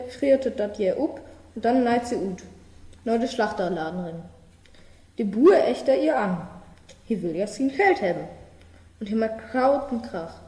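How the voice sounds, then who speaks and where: A woman reads a fairy tale aloud in a slow, measured storytelling manner. Her voice sits a little high. The recording rings with a long, roomy hall reverb. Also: warm tone. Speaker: reader. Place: studio of a media centre.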